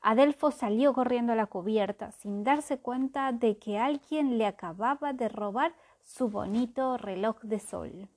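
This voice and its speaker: A woman narrates a children's story aloud, reading at an unhurried, gentle pace. Her voice sits a little high, and she shapes each sentence expressively for young listeners.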